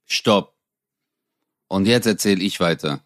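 A man's voice: sits low, slow, noisy background. A man co-hosting a casual comedy podcast, telling stories with lots of acted-out voices and laughter. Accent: German. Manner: animated storyteller, acts out voices and laughs a lot. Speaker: podcast co-host.

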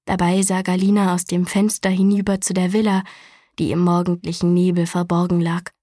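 A woman narrating a children's storybook in a calm, even reading voice. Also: fairly low pitch, brisk, no echo, clean studio sound. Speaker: audiobook narrator.

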